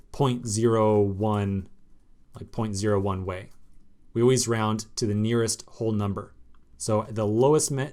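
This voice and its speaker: A man's voice: lowish voice, a little mellow. A man teaching a screencast coding lesson, explaining step by step in a casual way with fillers. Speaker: programming instructor.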